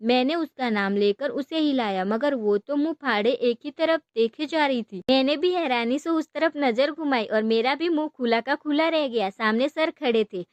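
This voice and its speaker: A woman narrating a first-person love story in an expressive, conversational way. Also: high voice, normal speed, few pauses, no echo, dull audio.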